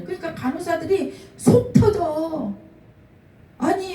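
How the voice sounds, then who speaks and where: A middle-aged woman pastor preaching a sermon, telling stories about people she met and acting out their quoted words. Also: high voice. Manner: storytelling with lively acted-out quotes. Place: church sanctuary. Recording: echoey room, mic at a distance.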